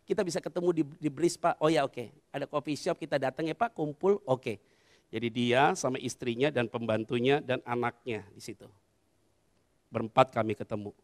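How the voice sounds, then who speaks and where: A man's voice: medium pitch, normal speed. A male pastor preaching a sermon. He tells a story, acts out the dialogue and calls on the congregation to respond.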